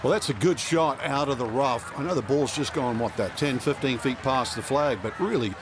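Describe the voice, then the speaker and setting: A man analyses golf shots in live commentary. His voice sits at a middle pitch, with noticeable outdoor ambience and noise behind him. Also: normal speed. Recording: noisy outdoor broadcast.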